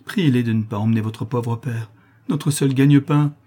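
A man's voice: mid-range voice, steady tone, moderate pace, dark tone, close to an everyday voice. A man voicing a distraught poor mother who begs the bailiffs to spare her husband, in raised pleading cries.

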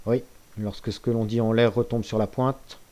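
A man narrating a classic novel as an audiobook reader in a measured, steady way. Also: fairly low pitch.

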